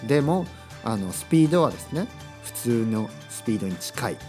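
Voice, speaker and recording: Man, podcast host, animated pitch, talks as he thinks, faint music behind. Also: a little fast. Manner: thinks aloud, adds frequent tag words to sentences; acts out short sample dialogues in a livelier voice. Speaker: podcast host for Japanese learners. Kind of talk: casual solo podcast monologue.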